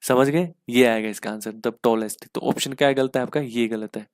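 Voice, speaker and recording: A man's voice: mid-range voice, fairly even intonation, moderate pace, clear, resonant tone, no room sound, studio quality. A man teaching an exam-prep English grammar lesson, explaining step by step and asking "ठीक है?" again and again.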